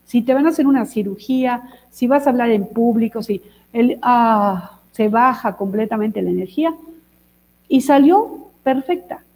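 A woman co-hosts a casual talk show, telling stories with lively energy. Her voice sits high yet sounds soft and mellow. A long reverb trails behind her words. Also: moderate pace. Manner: lively storyteller, demonstrates techniques. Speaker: co-host. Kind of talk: casual chat.

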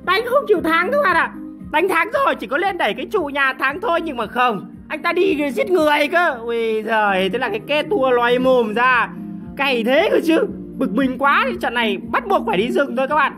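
A hoarse woman commentating her mobile game in a casual, excitable way, breaking into loud exclamations and repeating short cries. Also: sits high, normal speed. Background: music.

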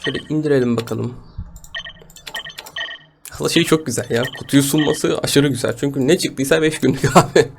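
A man's voice: medium pitch, brisk, creaky, pauses often, background noise. A man giving casual gameplay commentary as a gaming YouTuber, chatty with his viewers and grumbling and laughing at his bad luck. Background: background music.

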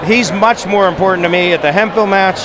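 A middle-aged man, a wrestling coach, giving an animated postgame interview into a handheld mic in a high school gym. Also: a little fast, crowd noise. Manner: animated, gesturing while standing. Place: high school gym, large indoor space. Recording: noisy gym background.

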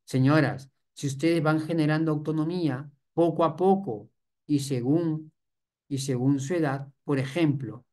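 A woman's voice: sits low, a little slow, dark tone. A woman psychologist giving a parenting talk, speaking emphatically and repeating her key phrases.

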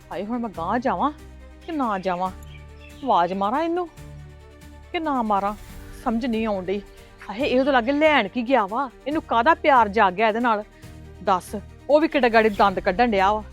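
Lady doing a shrill punjabi mom, schemey and defensive, wails a lot, bit of music under it. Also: natural voice. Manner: wailing, melodramatic exclamations. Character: scheming middle-aged mother, shrill and defensive. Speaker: mother of grown sons. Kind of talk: village family web drama.

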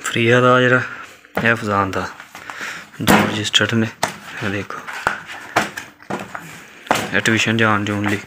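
A man's voice: lowish voice, steady tone, unhurried, pauses often. Home vlogger, Pakistani Punjabi man, middle-aged, repetitive show-and-tell manner, heavy background noise. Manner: repetitive, with frequent tags like "okay" and "mashallah". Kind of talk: casual show-and-tell vlog. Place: indoor room at home. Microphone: phone camera held by the speaker.

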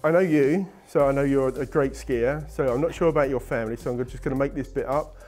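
A middle-aged man, a guest from a travel company, answers interview questions about ski holidays with a keen, salesy energy and keeps restarting his sentences. His medium-pitched voice is darkish and quick, with faint music behind him on an indoor studio set with wooden walls.

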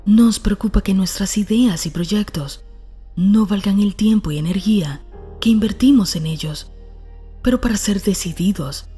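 A woman reading a scripted self-help narration in a calm, soft, breathy manner. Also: medium pitch.

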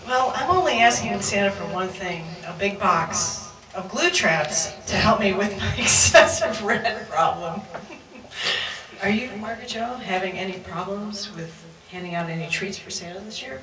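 Woman playing a hushed, giggly radio co-host. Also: medium pitch, expressive, normal speed, a crowd in the background, natural voice. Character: mild chatty female radio co-host. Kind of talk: live amateur sketch comedy. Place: crowded pub. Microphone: handheld mic. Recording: echoey pub, far mic, loud music.

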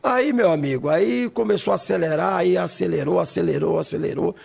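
Husky, fast-talking man telling a story. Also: high voice. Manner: excitable, repeats phrases, narrates a video clip. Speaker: guest chef. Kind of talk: animated storytelling on a podcast. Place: studio.

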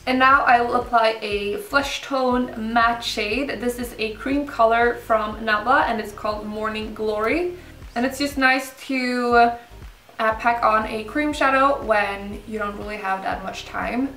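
A young woman gives a relaxed, informal makeup tutorial in a roomy indoor space. Her voice sits a little high, and she explains each step casually and without hurry. Soft music plays behind her. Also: unhurried. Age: young adult. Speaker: beauty vlogger. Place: indoor room set up for filming, backdrop. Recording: roomy, slightly distant mic, music behind.

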